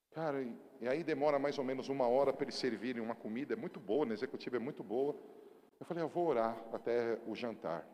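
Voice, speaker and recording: A middle-aged Brazilian man, a pastor, preaching a conversational, emotional sermon that swells loud. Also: mid-range voice, in a large hall.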